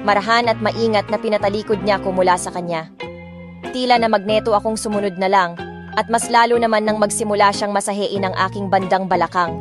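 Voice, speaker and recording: Music plays beneath a woman's mid-range voice as she narrates a first-person romance story, a little fast. An audiobook narrator, she's expressive and mixes Tagalog and English phrases freely.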